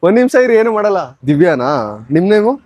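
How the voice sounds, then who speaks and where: A man hosting a street challenge vlog outdoors, his voice sitting a bit higher than most men's. He approaches strangers with quick, polite requests, then turns to chat with his viewers. The sound is dry and close, with little room echo. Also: sing-song, darkish tone. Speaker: vlogger doing a street challenge. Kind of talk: casual street vlog, talking to camera and strangers.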